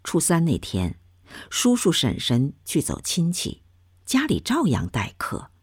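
A woman narrating a memoir story in a soft, hushed manner, often dropping to a whisper. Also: sits low, huge pitch swings, measured pace, husky, no room sound, studio quality.

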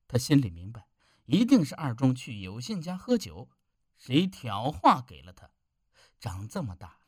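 A man reads a village story aloud at an unhurried pace. His pitch rises and falls with the drama. The recording is close and dry. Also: no room sound. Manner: slow, emphatic storytelling. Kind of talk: audiobook narration.

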